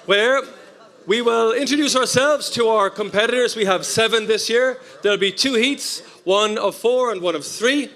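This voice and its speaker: Event host: high-voiced man with a west of Ireland accent, introducing guests and bantering as he interviews. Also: sharp tone. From Galway, Ireland. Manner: jokey, chatty. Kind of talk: master of ceremonies presenting and interviewing.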